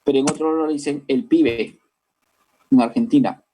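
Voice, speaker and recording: A man's voice: medium pitch, normal speed, noisy background. A man with a Lima Peruvian accent, teaching a language class step by step and often asking his listeners whether they follow. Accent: Peruvian Spanish, Lima. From Peru. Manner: explains step by step, keeps checking with listeners. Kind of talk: classroom lecture.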